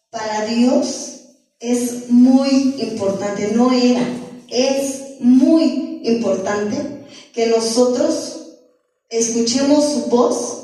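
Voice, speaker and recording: A woman's voice: fairly high pitch, dark tone. A woman preaching a sermon in a church, earnest, often repeating herself and asking the congregation questions. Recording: echoey church room from far off.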